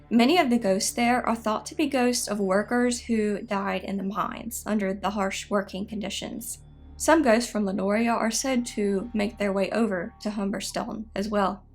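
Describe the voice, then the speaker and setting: A woman tells spooky history as a scripted narrator. Her voice sits at an average pitch for a woman. She keeps a measured, explanatory delivery, with faint music playing behind her. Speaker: narrator of a haunted history show.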